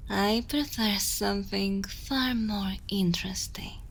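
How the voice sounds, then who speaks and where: A woman with a medium-pitched voice plays a dominant, possessive yet motherly evil queen in an ASMR roleplay. She speaks softly and close to the mic, often in a breathy whisper, slow, deliberate, commanding and intimate.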